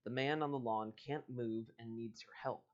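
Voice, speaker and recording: The host's medium-pitched voice moves at normal speed with fairly even intonation. Reading an interactive adventure book on a casual livestream with dull, lo-fi audio, he banters freely with his co-host and viewers.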